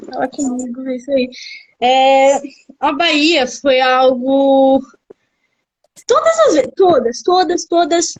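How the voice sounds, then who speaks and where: Excitable high-voiced young Brazilian woman. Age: young adult. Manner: excitable, repeats words for emphasis. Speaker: missionary and youth leader. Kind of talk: casual interview on a live stream.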